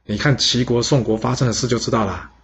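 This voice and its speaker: A man's voice: mid-range voice, steady tone, quick pace, a bit bright, breathy edge. A man voicing a scheming male minister who talks in an offhand, dismissive way. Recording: dull lo-fi sound.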